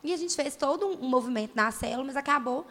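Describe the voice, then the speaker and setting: Brief: woman pastor, chatty and animated, clear high-ish bright voice. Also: fast talker. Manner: chatty, animated, frequent tag questions. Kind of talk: casual storytelling.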